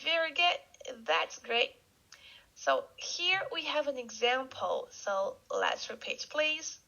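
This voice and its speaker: A woman teaching an English vocabulary lesson, speaking slowly and repeating words for learners to echo. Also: high-pitched, sing-song, sharp tone. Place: Canada. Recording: dull lo-fi recording.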